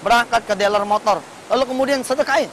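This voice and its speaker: A man preaching a sermon, telling stories in a lively, colloquial way and putting rhetorical questions to the congregation. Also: extremely high pitch, fast talker, poor audio. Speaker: Islamic preacher.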